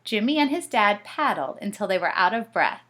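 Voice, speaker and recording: A woman narrates a children's bedtime story. Her voice is bright, with lively, animated pitch, in an expressive read-aloud style aimed at young listeners. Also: moderate pace. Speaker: storybook reader.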